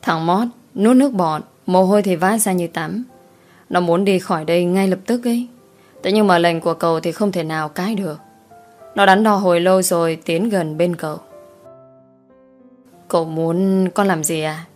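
A woman storyteller reads a ghost story in a steady, measured way. Her voice sits on the low side, and faint music plays underneath. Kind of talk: scripted narration of a ghost story.

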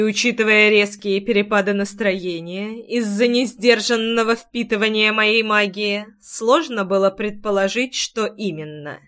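A woman's voice: mid-range voice, fairly bright tone. Woman reading a novel aloud. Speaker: audiobook narrator. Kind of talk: scripted first-person audiobook narration.

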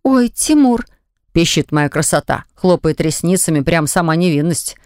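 A man's voice: on the high side, steady tone, normal speed, dry recording. A man narrating a first-person audiobook in a wry, sardonic manner, close to the mic. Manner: wry, sardonic, gruff in dialogue.

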